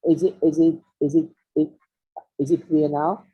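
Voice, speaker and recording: A man giving a technical math lecture over a video call, his voice muffled as if heard through a wall, talking haltingly with many restarts and fillers. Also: on the high side, little pitch movement, husky. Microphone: laptop microphone on a video call.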